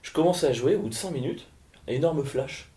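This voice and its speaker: A man's voice: fairly high pitch, a little fast, warm tone. A man, a comedian co-hosting a podcast, chatting casually and telling rambling, joking anecdotes. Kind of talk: casual banter and storytelling.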